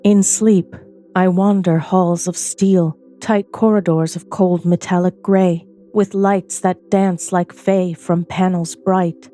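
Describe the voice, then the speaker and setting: A woman narrating a story in verse, in a measured, poetic first-person telling. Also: on the low side, level tone, dark tone, soft background music.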